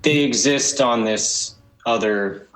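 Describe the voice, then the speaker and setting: A man's voice: medium pitch, slow pace, a bit bright, slight background noise, poor audio. A man from the United States, a record label guest on a podcast, who rambles and thinks aloud, using "like" constantly. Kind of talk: casual podcast interview.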